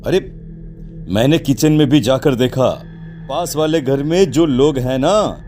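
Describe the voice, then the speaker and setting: A man voicing Akhil, a calm young husband in a cartoon story, reassuring and a little dismissive. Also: mid-range voice, unhurried, faint music behind, lightly acted.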